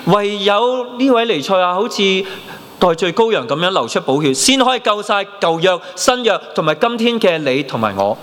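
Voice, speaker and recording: A man in his thirties with a Hong Kong Cantonese accent, preaching a sermon and telling his own story in an animated way, dropping in English words. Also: high voice, normal speed. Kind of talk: sermon with personal testimony. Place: church hall. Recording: long reverb of a church hall.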